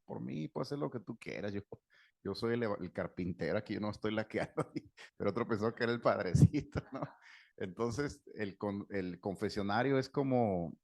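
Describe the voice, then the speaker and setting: A middle-aged Mexican psychotherapist gives an informal talk to a group, telling anecdotes in a chatty way, laughing often and using lots of fillers. His voice is on the low side, creaky, with a darkish tone.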